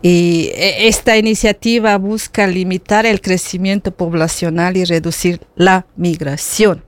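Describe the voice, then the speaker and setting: A woman's voice: on the low side, steady tone, unhurried, dry recording. A middle-aged woman talking earnestly in a casual conversation, often repeating words as she searches for them. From Bolivia. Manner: earnest, with frequent hesitant repetitions.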